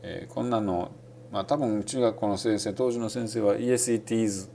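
Male podcast host with a Kansai accent: low, gravelly voice, casual and meandering lesson delivery. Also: normal speed, a little hiss or hum. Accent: Kansai Japanese. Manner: relaxed and rambling, many fillers; demonstrates English phrases in between. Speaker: English-learning podcast host.

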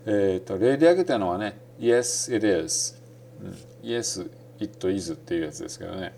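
Male podcast host with a Kansai accent: low, gravelly voice, casual and meandering lesson delivery. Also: brisk, a little hiss or hum. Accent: Kansai Japanese. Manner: relaxed and rambling, many fillers; demonstrates English phrases in between. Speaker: English-learning podcast host.

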